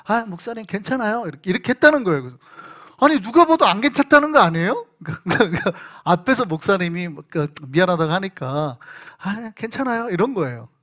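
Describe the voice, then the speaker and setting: Lively high-voiced male pastor preaching. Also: fast. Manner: storytelling, animated, acts out dialogue. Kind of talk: sermon. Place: church sanctuary.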